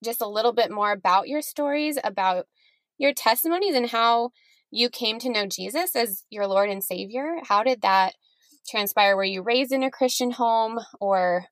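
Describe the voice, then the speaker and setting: On her podcast, a woman hosts a casual interview chat with guests, friendly and chatty, laughing easily and restarting now and then. Her voice is on the high side and her pace is moderate, with no echo.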